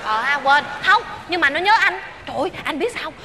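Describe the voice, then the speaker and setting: An actress playing a pleading young country sweetheart with a Southern Vietnamese accent, coaxing and chatty. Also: female voice, sits high, animated, brisk, sharp tone, a little hiss or hum, heavily acted.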